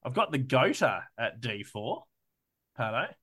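Bright, excitable Australian male podcast co-host who swears casually. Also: medium pitch, a little slow, slightly rough. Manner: excitable, swears freely, keeps addressing his co-host. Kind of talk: casual sports podcast chat.

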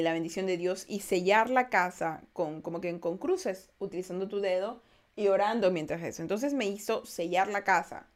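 A young woman telling true ghost stories in casual podcast talk, acting out quoted lines with loud bursts and often restarting her sentences. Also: on the low side. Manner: frequent restarts, turns quiet and reflective. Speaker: podcast host. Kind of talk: casual storytelling.

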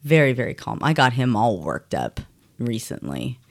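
A low-voiced woman talks in a relaxed podcast chat, her pitch swinging widely as she goes. She is from Puerto Rico and throws herself into what she says, mimicking the people she describes. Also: normal speed, gravelly. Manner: animated, acts out quoted voices, laughs often. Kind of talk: casual chat.

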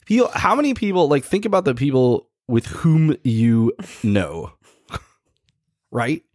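A man's voice: mid-range voice, big pitch swings, slow pace, a little mellow, dry recording, clean studio sound. A man around forty co-hosting a podcast in casual chat, joking and blunt, laughing often. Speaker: podcast co-host.

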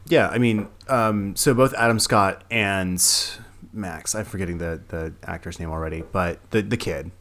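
A man with a very low voice co-hosts a casual movie review chat. He swears freely and laughs a lot. His talk jumps into excited, animated bursts. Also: moderate pace. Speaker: podcast co-host.

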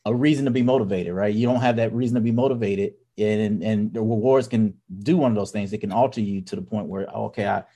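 A man in his thirties co-hosting a podcast, talking casually and haltingly with many restarts. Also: on the low side, mellow. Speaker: podcast co-host. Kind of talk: casual chat.

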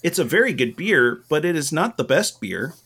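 A man co-hosting a casual podcast, giving opinions in a halting, meandering, loose and tipsy-sounding way. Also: on the high side, sing-song, a bit bright, breathy edge. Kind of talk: casual rambling chat.

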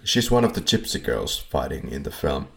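A man with a very low, deep voice co-hosts a casual movie podcast. He rambles through notes and chuckles when he trips over a name. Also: big pitch swings, normal speed, vocal fry, pushed and bright. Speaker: podcast co-host. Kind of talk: casual film podcast chat. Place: home setup in Poland.

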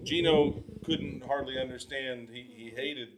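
A man's voice: mid-range voice, a little slow, a crowd in the background, rough recording. A man talking casually in a group conversation. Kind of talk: casual chat.

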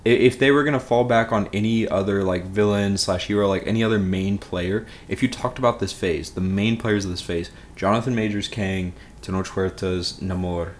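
A man's voice: lowish voice, moderate pace, hardly any pauses, slight background noise. A man in his twenties, a podcast co-host chatting casually about films, rambling with lots of filler words. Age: 20s. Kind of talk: casual film chat.

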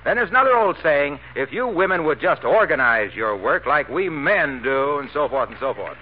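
High, lively American radio announcer, 1940s. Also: male voice, normal speed, narrow, tinny audio, slight background noise. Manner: emphatic, polished salesmanship. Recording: old band-limited 1940s radio recording.

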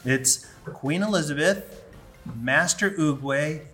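A woman interviews young students, encouraging and affirming them as she moves from one question to the next. Her voice is low-pitched, slow, and a bit bright, recorded in an echoey room with music behind.

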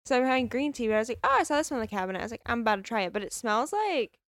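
A woman's voice: fairly high pitch, animated, very fast, a bit bright, no echo. A young woman co-hosting a casual chat podcast, bubbly and giggly, laughing often between remarks. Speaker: podcast co-host.

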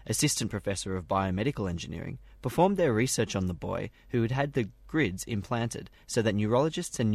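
A man with a fairly low voice reads prepared science news. The recording is dry, with hardly any room sound around him. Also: no echo. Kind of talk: scripted news reading.

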